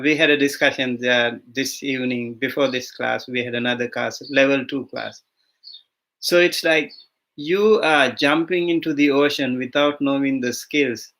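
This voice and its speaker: This clip features a monk from Sri Lanka teaching beginners a language online, speaking with a Sri Lankan accent. His mid-range, fairly bright voice moves at a relaxed pace, full of fillers and false starts, and the recording quality is poor.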